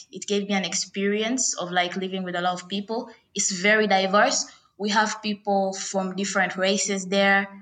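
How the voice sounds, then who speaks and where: Speaking with a Tanzanian accent, this young woman is a guest answering interview questions, with Swahili as her first language. Her medium-pitched voice is a little bright. She's relaxed but hesitant, peppering her answers with "uh" and "like."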